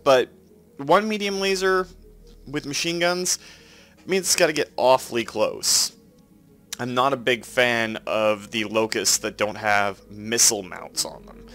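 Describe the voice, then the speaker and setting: Nasal from a head cold, a Canadian man hosts a let's play, casually commenting on the game and explaining his moves. He speaks at medium pitch with a slightly bright tone.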